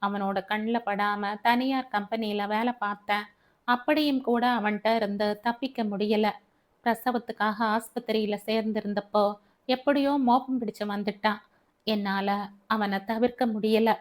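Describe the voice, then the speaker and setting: A woman's voice: mid-range voice, steady tone, unhurried. A woman with a Tamil accent narrating a family audio novel in first person, earnest and emotional.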